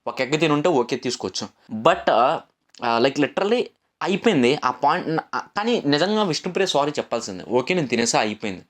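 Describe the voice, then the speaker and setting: A man's voice: on the high side, lively intonation. A young man giving a casual, opinionated reality show review, repeating himself and mixing in English words. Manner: rapid, repetitive, mixes English words, argumentative.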